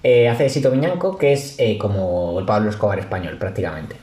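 A man's voice: fairly low pitch, big pitch swings, a little fast, dark tone. Rambling man in echoey room. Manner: rambling, filler-heavy storytelling. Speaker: podcast guest. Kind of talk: casual podcast chat.

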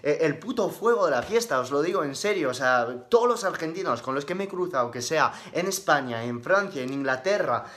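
A man's voice: fairly high pitch, lively intonation, fairly quick, few pauses, a bit bright. A man with a Spain Spanish accent hosting a casual live-stream Q&A, chatty and upbeat, tossing in slang like bro. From Madrid, Spain. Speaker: fitness live-stream host.

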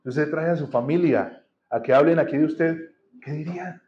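Blunt pastor preaching. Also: male voice, on the high side, normal speed, highs cut off. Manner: blunt, colloquial, emphatic preaching. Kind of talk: sermon. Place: church hall.

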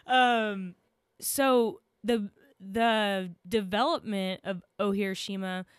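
A woman's voice: medium pitch, fairly even intonation, extremely slow, smooth, dry recording. A woman with a Texan accent co-hosting a podcast, asking long rambling questions in a friendly, apologetic way. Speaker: podcast co-host. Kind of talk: casual interview questions.

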